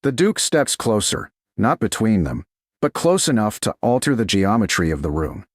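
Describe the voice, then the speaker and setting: Narrating a scripted love story, a low-pitched man stays deliberate and measured while sounding very animated, his pitch shifting expressively through short, dramatic lines. The audio is close and dry with no echo.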